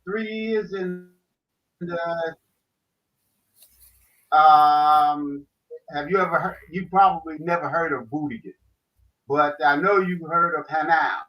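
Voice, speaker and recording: A man with a high voice makes casual conversation. He speaks haltingly and repeats words as he goes. The call audio is dull and lo-fi. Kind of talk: casual chat.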